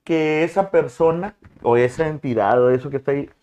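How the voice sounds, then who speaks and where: High-voiced Mexican man, slangy co-host. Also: dark tone. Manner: quick back-channels, reflective questions, slangy. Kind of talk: casual chat.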